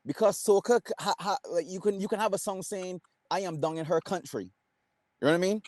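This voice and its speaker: A man's voice: sits high, a little fast, darkish tone, dry recording. A young man from Barbados with a Barbadian accent, chatting on a panel in a rambling way, full of fillers and restarts. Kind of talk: casual panel chat.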